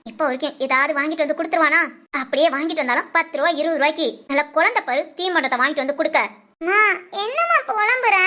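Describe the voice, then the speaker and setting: A woman plays a bitter young mother in a homespun short drama, scolding and complaining without a break. Her high, bright voice delivers the nagging fast and cutting.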